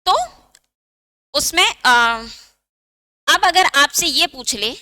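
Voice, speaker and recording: A woman's voice: high voice, lively intonation, extremely slow, bright, forceful tone, no echo. A woman teaching a Hindi exam-prep lecture, asking questions and answering them herself, and dictating note points.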